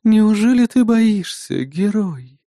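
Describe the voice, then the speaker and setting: A man voicing a commanding, mocking female demoness in an audiobook, drawling slowly and imperiously. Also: high-pitched, animated, dark tone, no echo, clean studio sound, voice pushed up, heavily acted. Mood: teasing. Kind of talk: audiobook narration.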